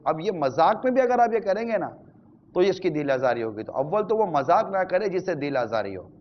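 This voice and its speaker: A man's voice: high-pitched, sing-song, highs cut off, slight background noise. A man giving a conversational sermon on marriage as an Islamic preacher, speaking straight to his viewers.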